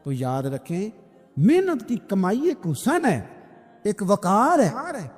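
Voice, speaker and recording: A man's voice: sits high, huge pitch swings, darkish tone. A male preacher giving a sermon, telling a story and asking his listeners rhetorical questions to keep them engaged. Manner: engaging, checks the audience is listening. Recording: reverberant hall with faint music.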